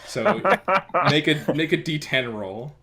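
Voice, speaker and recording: A man's voice: fairly high pitch, slow pace. A man running a tabletop role-playing game, talking casually with lots of ums and uhs. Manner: relaxed, hesitant, lots of fillers. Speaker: game master.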